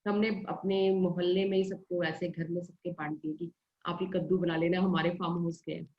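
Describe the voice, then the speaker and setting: A woman's voice: fairly low pitch, little pitch movement, fairly quick, dull audio. A woman with an Indian English accent hosting a group reading session over an online call, switching between Hindi and English and encouraging the others. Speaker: session host.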